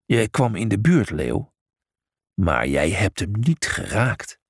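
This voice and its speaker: Man as a jovial mighty hero in a storybook; hearty, teasing, gravelly edge. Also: on the low side, very animated, slow, no room sound, studio quality, voice pushed down, exaggerated voice. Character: mighty, jovial male demigod hero, booming laugh. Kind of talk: audiobook character voice.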